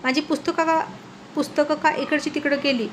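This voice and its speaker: A woman voicing a quick-tempered young husband who scolds his wife. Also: sits high, fairly even intonation, a little hiss or hum, voice pushed up, close to an everyday voice. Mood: angry.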